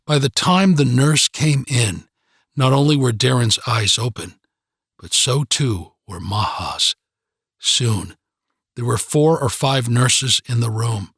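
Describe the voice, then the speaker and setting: A man narrates an audiobook in a calm, measured way. His pace is slow and his voice slightly husky, and the dry, close recording has no room echo. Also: mid-range voice. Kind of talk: scripted narration.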